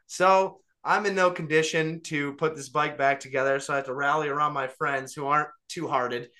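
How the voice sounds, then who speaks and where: A man's voice: a little high, steady tone, moderate pace, bright, forceful tone. A young adult man, co-host of a podcast, animatedly telling a funny story in casual chat and laughing along the way.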